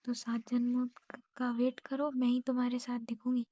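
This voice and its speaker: A young woman on an intimate phone call with her husband, teasing him softly and often half whispering. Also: fairly high pitch, monotone, moderate pace, no room sound. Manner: soft-spoken, teasing, often near a whisper. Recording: muffled phone call recording.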